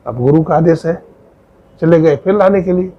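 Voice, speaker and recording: A male preacher telling a devotional story in sermon style, acting out the characters' dialogue. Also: normal speed. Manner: acts out dialogue, rises in pitch for quoted voices. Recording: dull lo-fi recording.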